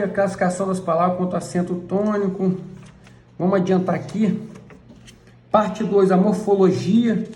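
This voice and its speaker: A man's voice: high voice, darkish tone, echoey room. A man with a Brazilian Portuguese accent, a church elder walking through a grammar book page by page and pointing things out with frequent asides to look.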